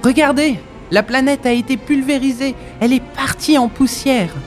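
A man voicing a brash young male smuggler pilot in a storybook reading, calling out loudly and urgently. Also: very high-pitched, normal speed, soft background music, pitched above the performer's own voice. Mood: alarmed. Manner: loud, urgent, barking orders.

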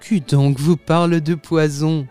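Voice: mid-range voice, flat delivery, slow, mellow, clear, resonant tone, faint music behind, natural voice. A reader voicing a sly, mocking male tempter who speaks with unctuous, overly polite irony in an audiobook reading. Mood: silky, mocking.

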